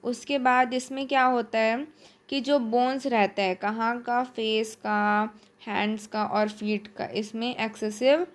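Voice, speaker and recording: Woman teaching, reading notes slowly. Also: a little high, steady tone. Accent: Chhattisgarh, India. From India. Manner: reads English notes slowly, then explains quickly in Hindi; asks and answers her own questions, checks with "ठीक है". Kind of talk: exam-prep lecture.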